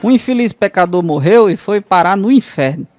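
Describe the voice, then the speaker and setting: Um homem com sotaque nordestino brasileiro conta piadas num tom popular e arrastado nos desfechos. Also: male voice, high-pitched, expressive, a little fast, crowd noise, noisy background. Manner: folksy joke-telling, drawling punchlines. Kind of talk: scripted joke narration.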